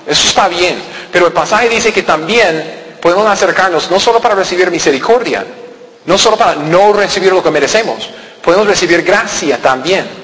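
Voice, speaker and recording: A pastor preaching a sermon with emphasis, asking rhetorical questions and answering them himself, repeating key phrases. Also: male voice, sits high, brisk, fairly bright tone. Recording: long hall reverb.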